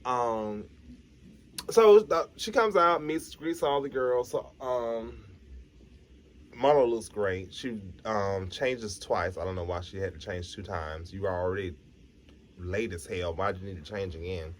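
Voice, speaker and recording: A man's voice: on the low side, measured pace, a little hiss or hum. A tired, sleepy man vlogging a casual, rambling recap of a TV episode. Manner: chatty, rambling storyteller.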